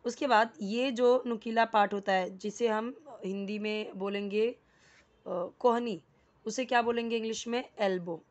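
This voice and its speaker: A woman's voice: a little high, fairly even intonation, normal speed. A woman teaching a casual lesson, patiently explaining and repeating words, often checking in with the listener. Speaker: English teacher.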